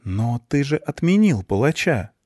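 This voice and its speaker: A man's voice: mid-range voice, sing-song, a little slow, dark tone, no echo, clean studio sound, pitched above the performer's own voice. A man reading an audiobook, voicing an eager young female sidekick who asks her boss questions.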